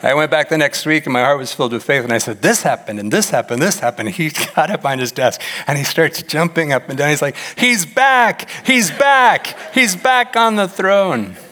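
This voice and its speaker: A man preaching a sermon as a pastor, animated and telling stories, sometimes acting out the voices in them. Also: fast, hardly any pauses. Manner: animated, acts out quoted voices with big pitch jumps. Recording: long hall reverb.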